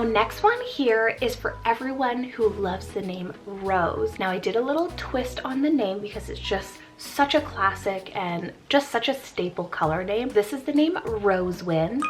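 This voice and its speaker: A woman hosting a baby name video, spelling out each name and gushing about how much she loves them. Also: fairly high pitch. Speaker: host of a baby name channel. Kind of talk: casual scripted list video.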